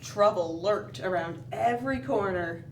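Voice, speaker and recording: This woman's storytime reading is unhurried and expressive as she shares a picture book with young children in a mid-range voice. She builds in dramatic pauses and asks questions along the way, and she is set back from the mic in a roomy space with faint noise in the background.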